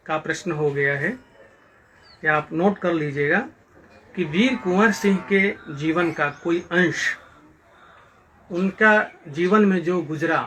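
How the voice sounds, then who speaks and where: A male Hindi teacher with a Bihari accent, giving a recorded online lesson and repeating words slowly to drill their pronunciation. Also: high voice, sharp tone. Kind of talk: recorded online class lecture. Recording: distant mic with faint background noise.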